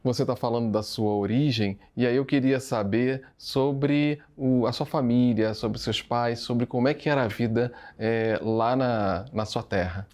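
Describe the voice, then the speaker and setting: A man's voice: mid-range voice, measured pace, few pauses, a little mellow. A man who hosts a TV interview program, welcoming viewers and asking questions with some hesitations. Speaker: host. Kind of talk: TV interview hosting.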